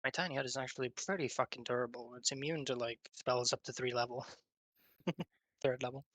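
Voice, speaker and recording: Bright, joking man at the game table. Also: medium pitch, fairly quick, no room sound. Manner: joking, swears casually, laughs at himself. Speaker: player. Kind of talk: casual banter at a game table.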